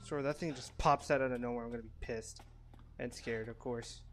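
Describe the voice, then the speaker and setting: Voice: medium pitch, steady tone. A gameplay commentator talking through a horror game, swearing constantly, panicking and repeating words in frantic bursts. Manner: repeats words in rapid bursts when scared. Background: game music.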